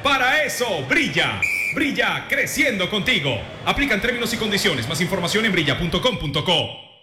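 A man reading radio commercials in a lively scripted announcer style. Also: sits high, normal speed, noisy background.

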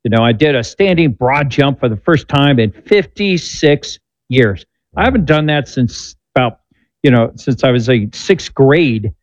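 A man's voice: mid-range voice, lively intonation, a little slow, dry recording. Upbeat man in his sixties giving advice. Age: 60s. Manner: upbeat, coaching, preachy at times. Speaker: doctor guest answering callers. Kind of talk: call-in show advice. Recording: dull slightly lo-fi sound.

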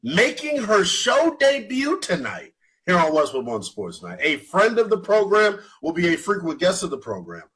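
A man's voice: high-pitched, huge pitch swings, normal speed, a bit bright, breathy edge, rough recording. A man in his twenties hosting a late-night sports radio show, asking long rambling questions that he corrects as he goes. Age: 20s.

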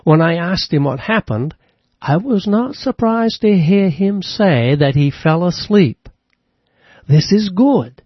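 Deadpan male radio humorist. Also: high-pitched, slow, slightly rough, no echo, muffled recording. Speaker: radio commentator. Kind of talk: scripted humorous commentary.

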